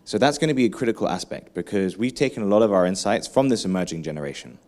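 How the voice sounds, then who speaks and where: A man delivers an energetic keynote in a fairly low voice. He keeps the audience involved, tossing them questions and quick asides as he goes. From England. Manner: lively, engaging, asks the audience questions, frequent "right?". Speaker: keynote speaker.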